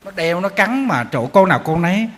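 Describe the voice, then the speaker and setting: Male monk preaching; lively anecdotal delivery, slightly high-pitched, recorded with long reverb in a temple hall. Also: fast. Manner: storytelling, animated, acting out quotes with humor. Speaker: Buddhist monk giving a dharma talk. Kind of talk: sermon.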